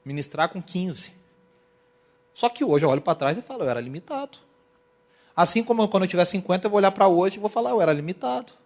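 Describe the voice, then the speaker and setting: Young man from Brazil, church worship lecture, bright high voice, acts out anecdotes. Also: quick pace. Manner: animated, storytelling, acts out quotes. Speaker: worship teacher. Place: church hall.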